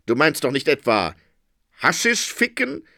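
A man voicing a lustful, demanding queen in a comic storybook reading, pushing his voice high and breathy. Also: wildly swooping pitch, unhurried, bright, forceful tone, no room sound, studio quality, exaggerated voice. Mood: scandalized.

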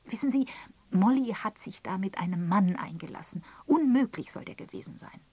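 A woman reading the part of a gossiping, sharp-tongued spinster in an audiobook, pointed and emphatic in tone. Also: mid-range voice, expressive, moderate pace, voice pushed up, close to an everyday voice. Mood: gossipy. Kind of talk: audiobook character voice.

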